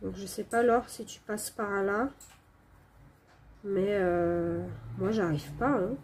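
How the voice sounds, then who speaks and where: A woman's voice: mid-range voice, slow, a little mellow, a little hiss or hum. A middle-aged woman with a cold, chatting casually and apologetically while coloring at home, with many fillers and hesitations. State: sick with a cold, coughing. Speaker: coloring video creator.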